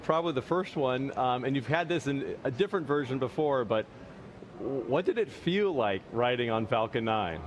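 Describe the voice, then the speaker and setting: A man's voice: medium pitch, animated, moderate pace. A man giving live remarks and putting questions as a company representative at an event. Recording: noisy live link with ambient hum.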